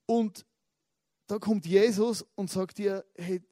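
Lively man preaching. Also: fairly high pitch, moderate pace, no echo, studio quality. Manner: conversational, lively, asks the listeners direct questions. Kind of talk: sermon.

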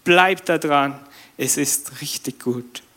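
A male preacher delivers a sermon in a high, bright voice. He talks slowly and conversationally, dropping in slang and rising into sudden loud emphasis on key words.

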